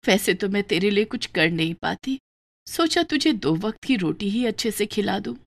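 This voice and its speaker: A woman voicing a poor widowed village mother in a storybook tale. She speaks softly and faintly in a low voice. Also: expressive, moderate pace, vocal fry. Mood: weak, tender. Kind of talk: storybook voice acting.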